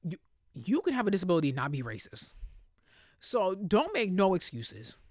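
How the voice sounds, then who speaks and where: Podcast host on a solo rant: heated, emphatic, swears freely, hammers points home, medium pitch, dry sound. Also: sing-song, moderate pace, darkish tone, dry recording. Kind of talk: casual opinion rant.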